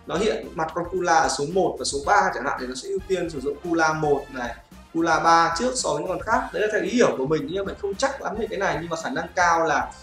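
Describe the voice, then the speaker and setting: Casting: male mobile-game YouTuber, slightly high voice, roomy echo with game music. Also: a bit bright. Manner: chatty, often asks "right, guys?". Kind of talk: casual gameplay commentary. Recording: echoey room with game music.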